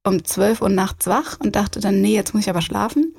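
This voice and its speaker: A woman's voice: mid-range voice, moderate pace, vocal fry, a little mellow, slightly rough. A young woman from hosting a podcast, chatting casually with many laughs and side tracks. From Germany. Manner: chatty, rambling, laughs often. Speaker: podcast host. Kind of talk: casual chat.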